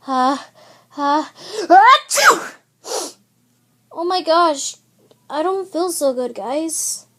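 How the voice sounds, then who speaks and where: A man puts on a whiny little girl down with the sniffles, her squeaky voice leaping high between sneezes in a fan cartoon skit. She speaks slowly and drags her words. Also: animated, bright, forceful tone, full character voice. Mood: sickly whiny. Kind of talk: fan animation voice acting.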